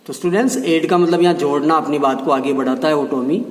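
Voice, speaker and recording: A male teacher gives a textbook lesson, his voice set a little higher than most men's. He reads each English line slowly before explaining it in Hindi and keeps checking in with the class. He sounds far from the mic in a room with a long, echoey reverb. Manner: repeats meanings with frequent check-ins.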